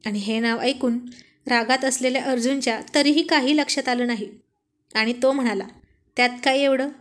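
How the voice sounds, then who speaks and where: A woman narrating a read-aloud story as storyteller, with a steady, expressive delivery. Her voice sits high and light. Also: normal speed.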